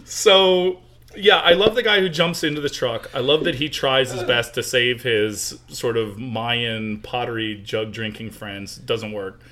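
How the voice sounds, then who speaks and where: A man's voice: medium pitch, a little slow, pushed and bright, slight background noise. An American man hosting a podcast, talking in a laid-back, wry way. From United States. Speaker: podcast host. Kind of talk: casual chat.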